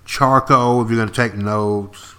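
An older man with an East Texas accent gives an informal history monologue as a podcast host, folksy and wry, leaning on repetition and pauses for emphasis. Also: mid-range voice, fairly even intonation, a bit bright, clear, resonant tone. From East Texas, United States.

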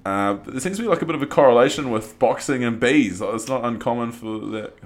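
A man's voice: medium pitch, fast. A man with a broad New Zealand accent hosting a podcast in a casual, joking, slangy way. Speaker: podcast host. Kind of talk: casual interview chat.

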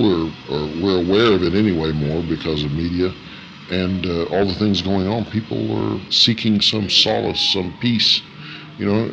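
A man giving thoughtful, halting interview answers as a guest, his voice electronically disguised. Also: gravelly, sharp tone, slight background noise, poor audio. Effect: disguised voice, electronically lowered. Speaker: interview guest, missionary worker. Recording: music under the voice. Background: music.

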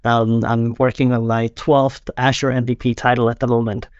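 A man's voice: medium pitch, level tone, normal speed, clear, resonant tone, no echo, highs cut off. A man from Sweden, a podcast guest, talking casually and often repeating words as he restarts. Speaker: guest, company founder.

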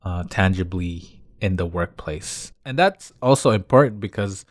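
A man's voice: deep voice, lively intonation, unhurried, no room sound, clean studio sound. A man from Canada co-hosting a casual chat, explaining his views at length with frequent fillers. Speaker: podcast co-host.

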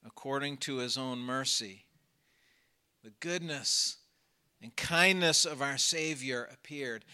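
A man's voice: on the high side, pushed and bright, clear, resonant tone. A man preaching a sermon and leading prayer in a church, earnest and emphatic. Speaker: pastor.

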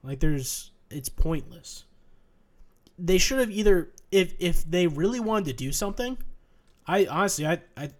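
Halting young man in casual sports chat. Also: sits high, lively intonation. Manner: halting, many restarts and fillers. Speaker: podcast co-host.

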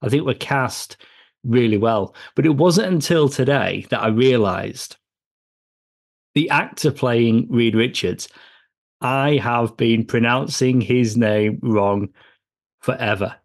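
A man co-hosting a comics film podcast, talking casually and a little haltingly about a movie. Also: medium pitch. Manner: chatty, with filler and restarts. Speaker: podcast co-host.

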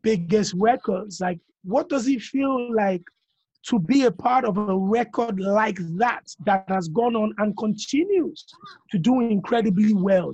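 A man hosting a podcast, asking measured, prompting interview questions. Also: sits high, darkish tone, breathy edge, no echo. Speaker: podcast host.

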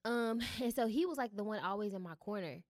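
A woman's voice: mid-range voice, brisk, dry recording. A young woman, chatting candidly as a guest in a studio interview, full of fillers. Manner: relaxed and candid, many fillers. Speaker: guest, artist and founder. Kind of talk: casual interview chat.

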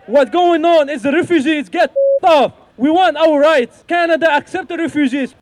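A man's voice: extremely high pitch, moderate pace, no echo. A man from Algeria addressing a protest rally in an impassioned, declaiming way. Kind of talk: rally speech.

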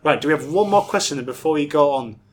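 A man's voice: a little high, animated, quick pace. Chatty man hosting a talk. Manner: chatty, restarts often, laughs at himself. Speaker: discussion host. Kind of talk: casual group discussion.

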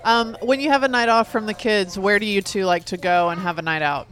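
A woman's voice: mid-range voice, a bit bright. A woman co-hosting a casual chat show, playful and jokey, asking guests questions at a restaurant table. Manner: playful, jokey, quick to laugh. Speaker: co-host. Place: restaurant with the show's crowd at a table.

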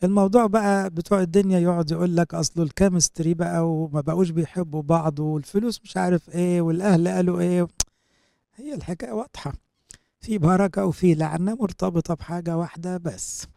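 A man's voice: on the high side, steady tone, fast, creaky, dark tone, dry recording, studio quality. A man with an Egyptian Arabic accent, a priest giving a Bible commentary sermon, reading verses and explaining them in everyday speech. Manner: explains scripture in colloquial asides, quoting verses.

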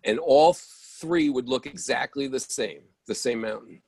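A man with a medium-pitched, darkish, husky voice reads in a readers theatre play, playing an impatient character who needs his coffee. The mood is bickering, and he sounds exasperated and quick to lose patience.

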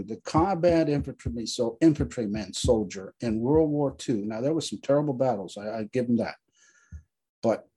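Older man, American accent, husky and slightly dark voice, earnest veteran recounting memories, emphatic repetition. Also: mid-range voice, rough recording. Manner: earnest, emphatic, repeating phrases. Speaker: Vietnam War veteran recounting his experiences. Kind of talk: personal storytelling and reflection.

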